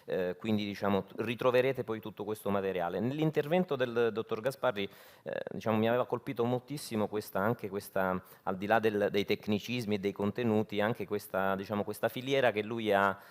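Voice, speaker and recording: A man's voice: fairly low pitch, fairly even intonation, brisk. A man moderating a conference, thanking and introducing speakers in an informal, spontaneous way.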